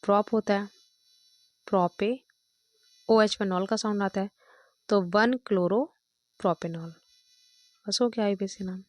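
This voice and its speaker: A woman's voice: mid-range voice, fairly even intonation, unhurried, long pauses, dry recording. A woman chemistry teacher explaining step by step, counting aloud and checking in often with her students. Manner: counts out loud, checks with "thik hai" and "dekho".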